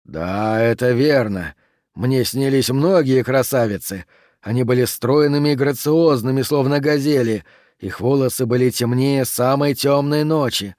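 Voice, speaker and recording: A man voicing a dreamy, lovesick stranger from a dead city in an audiobook, with slow, drawn-out, theatrical phrasing. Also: on the high side, no room sound, clean studio sound, pitched above the performer's own voice, lightly acted. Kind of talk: audiobook character voice.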